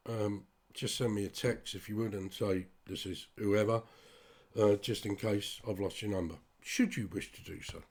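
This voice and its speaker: A man's voice: lowish voice, darkish tone. A British man talking straight to his listeners in a blunt, sweary, rambling monologue. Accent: British English. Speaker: vlogger. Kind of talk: casual ranting monologue.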